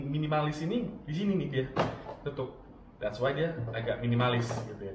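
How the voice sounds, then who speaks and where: Man, casual reviewer, loose and filler-heavy, distant from the mic in an echoey room. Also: medium pitch. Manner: relaxed, many fillers and restarts, mixes in English words. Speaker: product reviewer. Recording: roomy, off-mic, with steady room noise.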